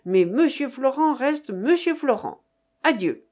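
A woman reading aloud, voicing a proud, quick-tempered gentleman with a sharp, scornful tone. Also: high-pitched, animated, voice pushed up. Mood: indignant.

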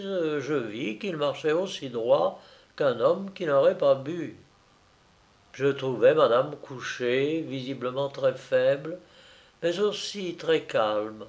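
A man reading a novel aloud as an audiobook, in measured, suspenseful scripted narration. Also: medium pitch, darkish tone. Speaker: audiobook reader.

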